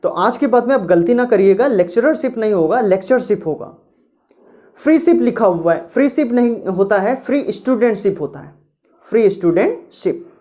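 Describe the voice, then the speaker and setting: A woman teaching English grammar, explaining rules patiently and reading example sentences slowly and clearly. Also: on the high side, lively intonation, mellow. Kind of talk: classroom grammar lecture.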